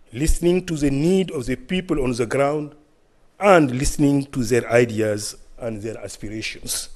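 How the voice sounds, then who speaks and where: A man's voice: medium pitch, darkish tone. A man giving formal, speechlike prepared remarks at a panel. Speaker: panel speaker.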